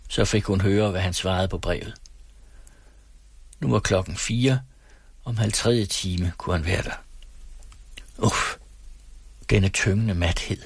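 Man reading an audiobook, husky and kinda gravelly, dead dry close mic. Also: low-pitched, no room sound. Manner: steady, measured reading. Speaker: audiobook narrator. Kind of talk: audiobook narration of a novel.

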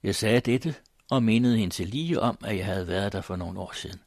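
A man narrating a classic literary story aloud in a measured, solemn manner. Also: lowish voice, a little mellow, no echo, studio quality. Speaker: audiobook narrator.

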